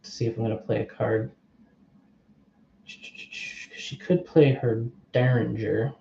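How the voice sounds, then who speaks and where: A man's voice: medium pitch, steady tone, takes it slowly, vocal fry, dark tone, slight background noise. A man playing a board game on stream, thinking aloud, reading rules off the cards and asking his viewers for opinions. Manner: thinks aloud, reads card text, asks unseen viewers. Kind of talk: casual play-through commentary. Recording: muffled, echoey room.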